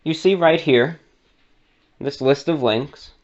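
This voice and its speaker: Speaking a little high and taking his time, a male radio host talks listeners through a how-to, step by step, in a conversational way with asides. The recording has its highs cut off.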